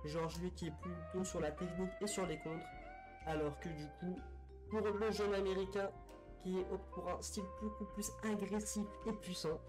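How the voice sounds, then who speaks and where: Sitting high in pitch with a level tone, a man moves at a moderate pace through an informal sports history story. He sounds hesitant, restarting and filling pauses often, and the low-quality recording carries faint music in the background.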